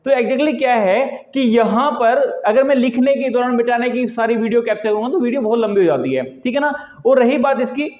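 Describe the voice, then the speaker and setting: A man with a very high voice walks his students patiently through a lesson, checking in with them after nearly every sentence. The recording is thin and phone-like, and his voice rings around an echoey room. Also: a little fast. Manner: patient, repeats "ठीक है ना" as a filler tag. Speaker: English teacher. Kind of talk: explaining lesson to camera.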